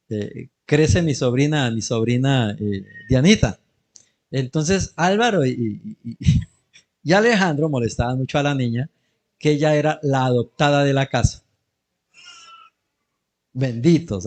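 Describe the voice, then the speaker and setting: A middle-aged male pastor with a Colombian Spanish accent preaches in church. His voice sits a little high for a man. He tells homely anecdotes and jokes with his congregation. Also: a little mellow. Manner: storytelling, joking with the congregation. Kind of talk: sermon.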